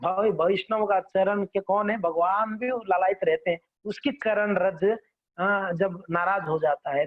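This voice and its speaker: A man giving a conversational devotional class, checking in with listeners and acting out examples. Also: high-pitched. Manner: conversational teaching with frequent check-ins and acted examples. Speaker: devotional lecturer. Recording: dull lo-fi recording.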